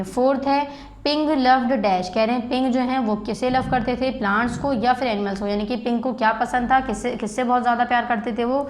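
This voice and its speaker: Slow-spelling woman teacher, high voice. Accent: Indian English. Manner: slow dictation, spelling words letter by letter. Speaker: school teacher. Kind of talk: classroom lesson in Hindi and English.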